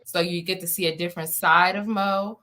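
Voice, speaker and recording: A playwright and director from Washington, D.C. is being interviewed and chats casually in an emphatic, rambling way. Her voice is lowish and steady, fairly quick, with a bright, forceful tone.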